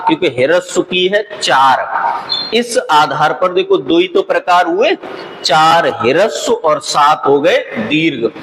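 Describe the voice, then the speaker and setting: A man's voice: fairly high pitch, fairly bright tone, a little hiss or hum, low-quality recording. A man teaching an exam-prep grammar lesson, explaining patiently and asking and answering his own questions.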